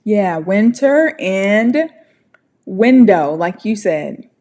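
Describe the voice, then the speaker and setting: This American woman's mid-range voice is a little mellow, with lively intonation. She's teaching English pronunciation in an informal online lesson, speaking slowly and deliberately in a warm, encouraging way.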